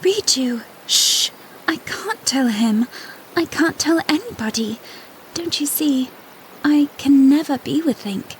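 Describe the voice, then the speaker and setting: A woman's voice: high-pitched, lively intonation, slow pace, slight background noise, poor audio. A woman playing an anguished young princess torn between duty and love, pleading earnestly in an audio drama. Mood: anguished, hushed. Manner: pleading, earnest, breathy hushed delivery.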